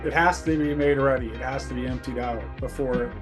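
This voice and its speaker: A man in a casual philosophical discussion whose sentences come out halting and tangled. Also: mid-range voice, fairly even intonation, over music.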